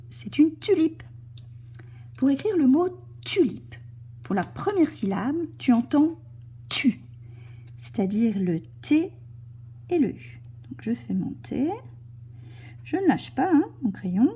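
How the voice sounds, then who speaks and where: In a handwriting lesson for children, a woman teaches cursive, slowly and gently describing each stroke as she writes. Her voice is high and very animated, and now and then she drops to a soft whisper.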